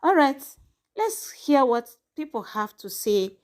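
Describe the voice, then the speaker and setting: A woman with a Nigerian accent reading a scripted news statement in formal English, in a measured way. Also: high voice, very animated, a little mellow. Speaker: news show host.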